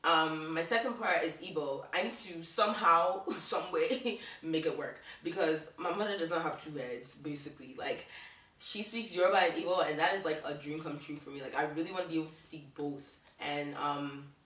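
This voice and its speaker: This casual vlog features a young adult from Baltimore, USA, speaking at a normal speed in a low, fairly bright voice. She's chatty and leans on "like" in nearly every sentence. The sound is roomy, with the mic at a distance.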